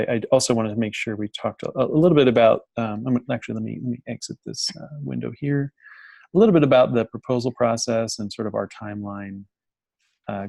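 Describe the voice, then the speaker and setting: A man's voice: medium pitch, gravelly, darkish tone, no echo. A man on a video call, presenting an information session to an online audience and often restarting his phrases.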